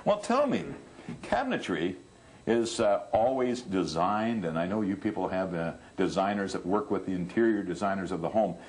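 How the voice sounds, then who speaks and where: A man's voice: low-pitched, very animated, moderate pace. An older man, hosting a renovation show with folksy good cheer. He speaks to the viewers as "folks" and teases the workers in easy, casual chat, on a lapel mic inside a house under renovation. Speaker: home renovation TV host.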